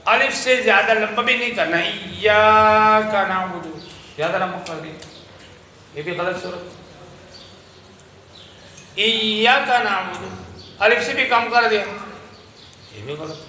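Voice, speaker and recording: A man's voice: sits high, animated, pauses often, bright, forceful tone, a little hiss or hum. A man teaching Quran recitation to a class, explaining patiently and methodically and modeling each phrase in a chant. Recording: roomy class recording.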